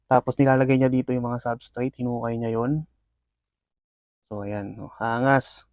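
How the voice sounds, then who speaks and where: While his scorpions are fed, a man keeps up a casual, excited commentary for viewers, full of fillers. His mid-range voice moves at a moderate pace, and the recording is muffled without echo.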